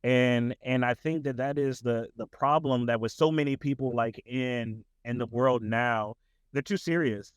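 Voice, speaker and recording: Smooth-voiced man chatting on a podcast. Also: medium pitch, fairly even intonation, a little slow, no room sound. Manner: loose, rambling, lots of "like" and restarts. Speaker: tutor director, podcast guest. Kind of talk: casual podcast chat.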